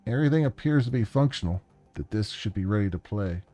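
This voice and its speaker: A man's voice: lowish voice, animated, quick pace, mellow, faint music behind. A man voicing a formal, polite technician who speaks precisely. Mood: calm.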